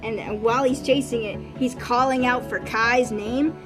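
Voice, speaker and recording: A woman's voice: fairly high pitch, fairly even intonation, normal speed, over music, low-quality recording. A woman live-streaming from her room, chatting casually and thinking aloud with lots of fillers. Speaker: art streamer.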